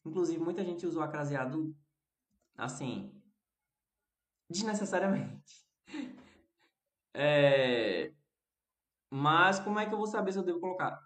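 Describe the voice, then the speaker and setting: A man's voice: a little high, lively intonation, a little slow, pauses often, a bit bright, reverberant. A man with a Brazilian Portuguese accent, teaching English on a live stream, explaining step by step, repeating examples and answering viewer comments.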